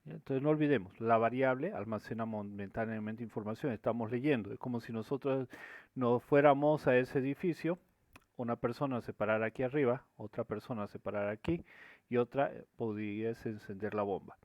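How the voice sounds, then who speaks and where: A man's voice: mid-range voice, brisk, darkish tone, no room sound. A man teaching a screen-recorded programming lesson, explaining each step and often checking that students follow. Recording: dry, dull lo-fi recording.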